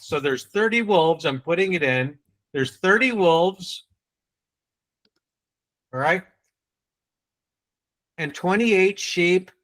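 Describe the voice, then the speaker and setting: This New England-accented man runs a live online sales session, firing quick questions at his audience and ribbing them. His pitch is a little high, and his tone is bright and forceful.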